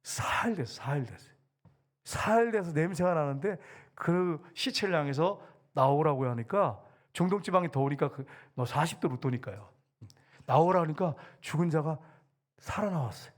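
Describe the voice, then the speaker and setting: A man preaching a sermon as a church pastor, animated, with loud exclamations and quiet asides. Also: on the high side, normal speed. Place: church sanctuary.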